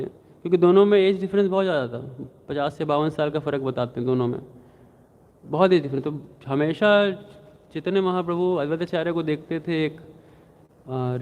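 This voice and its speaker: A man giving a devotional scripture class, telling stories and acting out the quotes with animation. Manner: animated, acts out quotes with rising pitch. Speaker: devotional lecturer. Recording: tinny phone-like sound.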